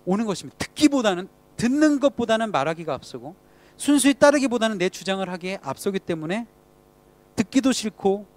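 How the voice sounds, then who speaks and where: High-voiced man preaching to a youth group. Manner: conversational, asks the congregation questions. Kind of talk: sermon.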